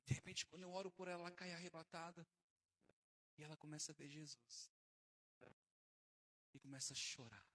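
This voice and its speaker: A man preaching a sermon, emphatic, swinging between hushed and loud passages. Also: on the high side, a little fast, pauses often, dry recording, poor audio.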